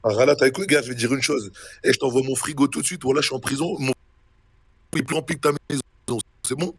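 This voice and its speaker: A man's voice: medium pitch, fairly even intonation, quick pace, a bit bright, husky, no echo. A young man streaming a role-play game, casually mocking and insulting another player in a taunting way. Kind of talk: casual trash talk on stream.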